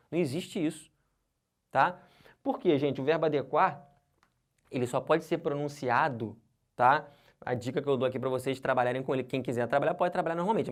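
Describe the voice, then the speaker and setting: A Brazilian man teaching a grammar lesson to exam candidates. He talks in a colloquial way and keeps checking in with his students. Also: on the high side. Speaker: exam-prep Portuguese teacher.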